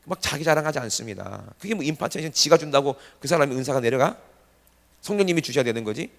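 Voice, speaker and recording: A man preaching a revival sermon with a lively, swooping delivery that climbs high. His voice is gravelly, and it carries a long echo through a church sanctuary. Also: fast. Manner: animated, shouting exclamations, rhetorical questions to congregation. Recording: reverberant church hall.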